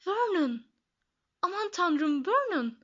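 A woman voicing a shrill, nervous middle-aged aunt with a trembling voice. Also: lively intonation, fairly quick, darkish tone, lo-fi sound. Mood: panicked.

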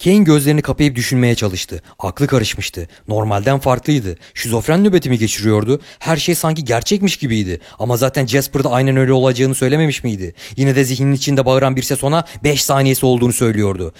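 A man narrating a story in a steady, measured storytelling voice. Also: mid-range voice, dry recording, studio quality.

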